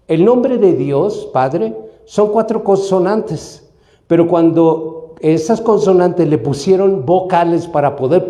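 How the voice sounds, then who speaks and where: A man from Mexico preaching as pastor, with a somewhat high but warm, mellow voice. He teaches steadily and keeps checking with his listeners through short questions. The sound carries the echo of a church room. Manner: teaching, asks the congregation questions. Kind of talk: sermon. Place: church hall.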